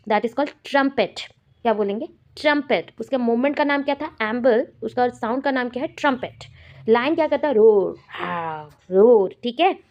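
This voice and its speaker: A woman's voice: high-pitched, darkish tone. Woman teacher, raised voice, dull lo-fi audio. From India. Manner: explains terms step by step, repeating key words. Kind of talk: exam-prep lecture.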